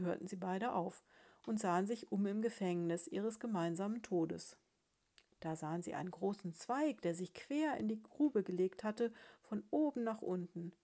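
Brief: woman storyteller, scripted storybook narration, mellow tone, mid pitch.

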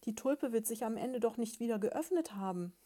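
A woman's voice: on the high side, animated, moderate pace, mellow, pitched above the performer's own voice, lightly acted. A woman voicing a fussy, nagging female beetle who keeps asking her husband questions.

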